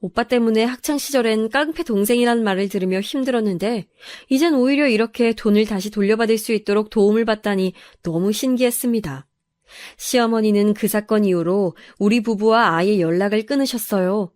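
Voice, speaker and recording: A woman's voice: medium pitch, brisk, darkish tone, no echo. A woman narrating a true first-person family story, in an aggrieved, confiding manner.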